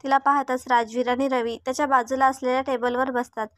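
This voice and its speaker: High-voiced woman reading a story. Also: little pitch movement, quick pace, a bit bright, no room sound, clean studio sound. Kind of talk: read-aloud story narration.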